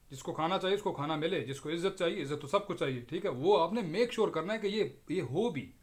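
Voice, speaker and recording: A man with a fairly high voice teaching an online class on scripture. His delivery is explanatory and patient: he repeats phrases, mixes in English words and keeps asking "okay?". He is heard through a video-call microphone. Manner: explanatory, often checks in with "okay?". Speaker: Quran teacher.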